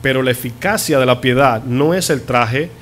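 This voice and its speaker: A man's voice: medium pitch, a bit bright. Man preaching a teaching sermon. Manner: teaching, asks the congregation questions; stretches key words slowly for emphasis. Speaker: pastor. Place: church.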